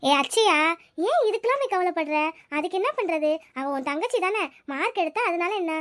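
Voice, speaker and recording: Cartoon schoolgirl friend, very high and quick, coaxing and lecturing, voiced by a woman. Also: lively intonation, fairly bright tone, no room sound, clean studio sound. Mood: reassuring. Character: caring, talkative village schoolgirl friend. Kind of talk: cartoon voice acting.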